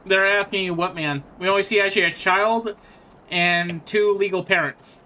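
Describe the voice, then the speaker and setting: A man's voice: high-pitched, steady tone, normal speed, bright, forceful tone. A man streaming a video game, chatting casually with friends and laughing often. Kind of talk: casual chat while playing a game.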